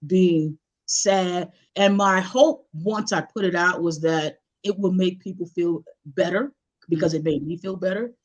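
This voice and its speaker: A woman's voice: on the low side, a little slow, few pauses. A woman author as a guest in a casual interview, telling stories in a chatty, conversational way. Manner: chatty, conversational, animated storyteller.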